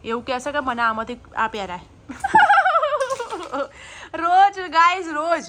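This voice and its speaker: A woman's voice: high-pitched, expressive, moderate pace, heavy background noise. A young woman with a Gujarati accent, chatting casually in her family cooking vlog, calling her viewers "guys" and laughing often. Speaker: family vlogger.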